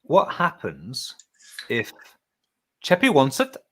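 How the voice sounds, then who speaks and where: A man's voice: medium pitch, wildly swooping pitch, slow pace, fairly bright tone. A man trades teasing jokes on a live chat show. His voice swings widely as he talks, and he often stumbles and restarts. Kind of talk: casual banter on a live show.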